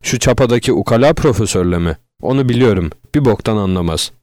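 A menacing male killer in a spoken story, cruel and unhinged, who growls his lines with open contempt. A man acts him out, his voice raised and pushed harder than his low, dry narrating tone. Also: lively intonation, fast talker, darkish tone, dry recording, lightly acted.

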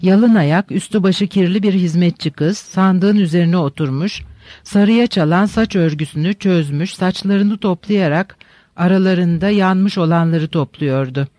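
A man narrates a novel in a measured, descriptive reading. His voice sits fairly high and the sound is dry and close, with no room echo. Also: mellow. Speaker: audiobook narrator. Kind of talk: scripted literary narration.

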